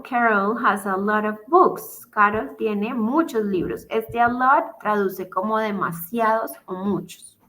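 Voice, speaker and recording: A woman's voice: medium pitch, pushed and bright. A woman teaching a class over a video call, explaining grammar patiently and reading out examples in English.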